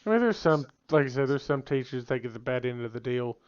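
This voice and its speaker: A young man talks loosely on a podcast, rambling and restarting his sentences. His voice is smooth and of middling pitch. The recording sounds muffled and lo-fi. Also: lively intonation, quick pace. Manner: rambling, restarts sentences, shouts when quoting people. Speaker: podcast co-host. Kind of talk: casual chat.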